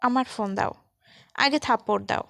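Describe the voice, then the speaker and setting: A woman voicing an angry, sharp-tongued young woman who snaps irritably in a storybook reading. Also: a little high, moderate pace, vocal fry, no echo, studio quality. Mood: annoyed.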